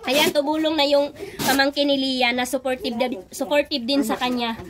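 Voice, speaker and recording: A woman vlogger, exclaiming constantly and talking to her viewers during an excited family unboxing. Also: high voice, moderate pace. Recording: loud crowd of people around.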